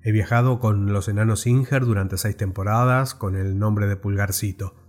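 A man's voice: on the low side, fairly even intonation, moderate pace, a little mellow, close to an everyday voice. A man voicing an eager little male fairground performer who speaks rapturously, in a storybook reading. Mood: admiring. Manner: rapturous, pleading.

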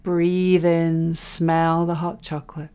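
Female meditation guide, soft and soothing, deep-toned and very slow, for a relaxation breathing exercise. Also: flat delivery. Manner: soft, soothing, unhurried delivery with breathy phrase endings.

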